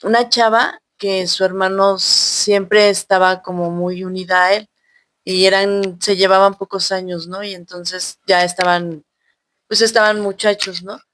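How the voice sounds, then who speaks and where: A woman's voice: mid-range voice, level tone, unhurried, fairly bright tone, dry recording. A woman with a Mexican accent telling a ghost story casually, rambling with many fillers.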